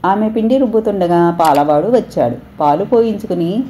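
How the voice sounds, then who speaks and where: Mellow-voiced woman reading a story. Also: mid-range voice, lively intonation, normal speed, a little hiss or hum. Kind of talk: audio story narration.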